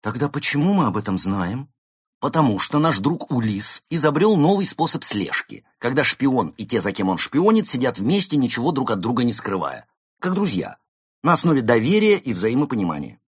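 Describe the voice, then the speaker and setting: A man voicing an irritable male cat who talks loudly and sarcastically. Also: on the low side, very animated, a little fast, slightly rough, no room sound, clean studio sound, pitched above the performer's own voice. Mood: outraged. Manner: exasperated, loud, sarcastic. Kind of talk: audiobook character voice.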